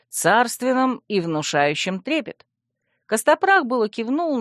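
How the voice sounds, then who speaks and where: A woman narrating a fantasy audiobook in first person, wry and expressive. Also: mid-range voice, no echo, studio quality.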